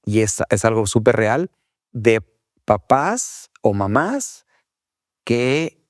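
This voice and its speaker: A man's voice: mid-range voice, big pitch swings, takes it slowly, no room sound, studio quality. A man co-hosting a faith-based parenting podcast, talking casually and acting out children's whiny voices now and then. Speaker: podcast co-host, father.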